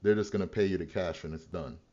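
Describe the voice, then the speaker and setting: Male trader streamer, deep-leaning voice, casual foul-mouthed slang, muffled stream sound. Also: quick pace, mellow. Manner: slangy, heavy swearing. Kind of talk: live trading stream commentary, casual chat.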